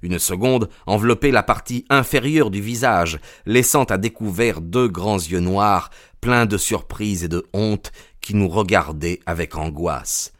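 A man narrating an audiobook in a measured, dramatic storytelling manner. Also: fairly low pitch, fairly bright tone, dry recording, studio quality.

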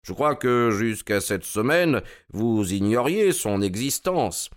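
A man voicing a calm male detective who asks measured, courteous questions. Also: medium pitch. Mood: probing.

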